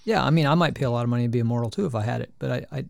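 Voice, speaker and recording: A man's voice: mid-range voice, very fast, gravelly, dry recording. A man co-hosting a podcast, chatting casually, rambling with frequent restarts and hesitations. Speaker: podcast co-host. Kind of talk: casual chat.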